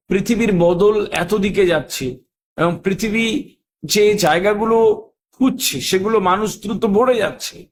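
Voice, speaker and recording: High-voiced motivational speaker man. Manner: rhetorical, keeps asking "right?"; mixes English phrases into his talk. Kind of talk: motivational speech.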